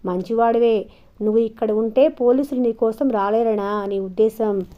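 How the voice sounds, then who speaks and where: A brisk, practical young friend who talks plainly and firmly, read by a woman storyteller. Her voice stays fairly high, and the audiobook recording sounds dull and lo-fi. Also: steady tone, natural voice. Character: practical young man, the hero's loyal friend. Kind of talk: audiobook character reading.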